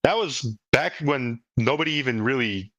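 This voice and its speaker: Speaking off the cuff to his crypto community on a group call, the project leader has a mid-range, fairly bright voice and a moderate pace. He talks casually but earnestly, stressing things through repetition, in a recording without echo.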